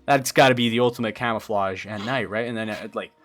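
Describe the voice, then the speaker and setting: He's a young man from Brazil, Portuguese by first language, streaming casually as he builds a game creature and responds to viewers. Fairly low and fairly bright, his voice moves fast, and he often stammers and restarts while thinking aloud. Soft music sits in the background.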